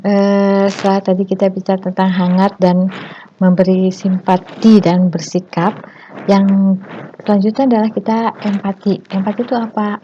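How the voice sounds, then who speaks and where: A woman teaches in a relaxed, chatty way, leaning on tag phrases and now and then acting out overdone greetings in a high squeal. Her voice is warm and mellow at a middling pitch. The recording sounds muffled, with a faint hiss behind it. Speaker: teacher giving self-development tips. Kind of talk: casual spoken lesson.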